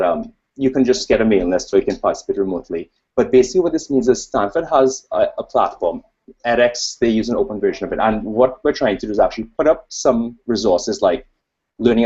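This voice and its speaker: A mellow, husky Trinidadian man with a low voice gives an informal conference talk with slides as an academic researcher. The webcast audio sounds dull and lo-fi.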